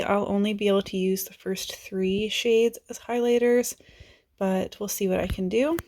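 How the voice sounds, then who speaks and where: Chatting casually about her makeup, a woman beauty vlogger sounds raspy as her voice gives out. Her mid-range voice has a darkish tone, and she thinks aloud in a self-mocking way.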